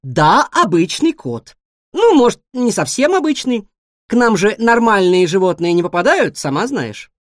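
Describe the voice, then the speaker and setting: A woman voicing a firm, motherly grown female cat in a storybook, calm but bossy. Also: mid-range voice, moderate pace, dry recording, studio quality, pitched above the performer's own voice, natural voice. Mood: coaxing. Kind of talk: storybook reading.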